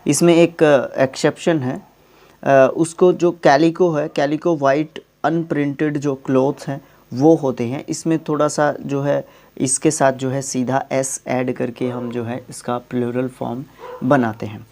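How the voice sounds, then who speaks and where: A man's voice: mid-range voice, flat delivery, measured pace, darkish tone. A man teaching English grammar in Hindi, explaining rules step by step and asking the class questions as he goes.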